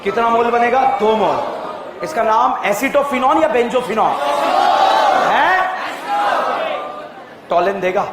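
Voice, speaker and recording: A man teaching chemistry to a class, firing rapid repeated questions at students, joking and often calling out loudly. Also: extremely high pitch, expressive. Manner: jokey, often calls out loudly. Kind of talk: lively classroom lecture. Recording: echoey room with crowd noise.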